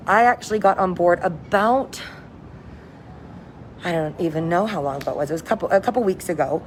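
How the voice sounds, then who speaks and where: An upbeat, enthusiastic woman cruise director giving a casual livestream update to viewers. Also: mid-range voice. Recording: noticeable background noise, windy ambience.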